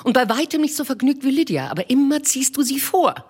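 A woman reading aloud and voicing a fussy, excitable middle-aged mother of five daughters, talking in an eager, insistent way. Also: high voice, fast, voice pushed up. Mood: pleading. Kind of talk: audiobook reading.

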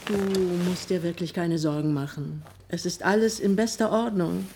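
A woman's voice: lowish voice, moderate pace, creaky, a little mellow, breathy edge. A cool, self-assured mother. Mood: composed.

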